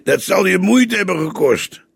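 A man's voice: high-pitched, lively intonation, moderate pace, creaky, breathy edge, no room sound, clean studio sound, voice pushed up, exaggerated voice. A man voicing a young male police detective who keeps questioning and protesting in a raised voice. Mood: incredulous.

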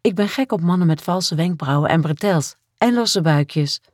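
A woman voicing a shy but passionate young woman in love, speaking softly and from the heart in an audiobook. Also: fairly low pitch, animated, normal speed, dry recording, studio quality. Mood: loving. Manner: soft and heartfelt. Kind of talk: audiobook character voice.

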